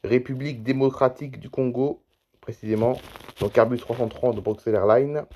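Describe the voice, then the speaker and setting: Worn-out youtuber guy rambling over a screen recording, chatty, calling out flight routes, mid pitch. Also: fairly even intonation, a little fast, a little mellow, slight background noise. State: tired. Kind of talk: casual screen-recording commentary.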